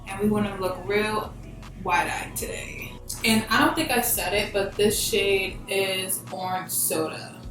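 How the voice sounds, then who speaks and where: Slangy, emphatic and informal, a young American woman walks through a makeup tutorial step by step for her beauty vlog. She speaks in a mid-range, steady voice, a little slowly; the room is very echoey, the mic distant, and music plays behind her.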